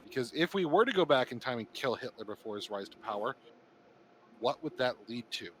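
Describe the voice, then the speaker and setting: A man on a casual podcast stream, recounting things in an animated way and stumbling over words now and then. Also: medium pitch, brisk, a little hiss or hum, rough recording. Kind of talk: casual group chat on a stream.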